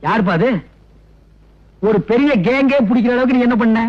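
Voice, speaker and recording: An actor playing a blustering, cowardly middle-aged train passenger in a comedy film, talking with loud, whining bickering. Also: male voice, extremely high pitch, normal speed. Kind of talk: 1990s film comedy acting. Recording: dull film soundtrack.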